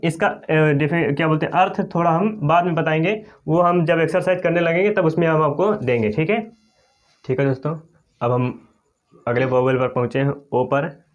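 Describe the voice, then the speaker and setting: A man from India teaching English pronunciation in a slow, repetitive classroom manner, checking in with "okay" after each point. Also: a little high, muffled recording. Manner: slow, repetitive, often says "okay" and "clear".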